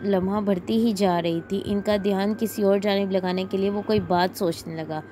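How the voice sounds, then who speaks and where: A woman reading a horror story aloud in a measured storytelling manner. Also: medium pitch, a little mellow, slight background noise. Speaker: narrator.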